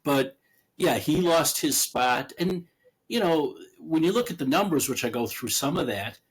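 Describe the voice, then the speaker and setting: Husky-voiced man, chatty author guest. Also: on the high side, animated, normal speed. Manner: chatty, laughs often, trails off and restarts. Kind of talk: casual conversational interview.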